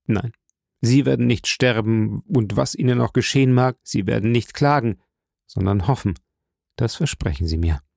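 A man playing a calm, commanding nobleman in an audiobook reading, measured and solemn. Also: medium pitch, gravelly, dry recording, studio quality. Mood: grave.

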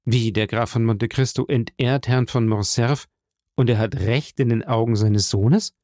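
A man's voice: medium pitch, unhurried, darkish tone, no room sound, clean studio sound, close to an everyday voice. A man voicing an agitated young nobleman in an audiobook, speaking in heated, rising questions. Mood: indignant.

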